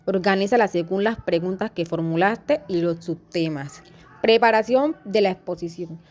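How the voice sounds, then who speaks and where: A woman reading class notes aloud in a steady, instructional way. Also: on the low side, normal speed. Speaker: student presenter.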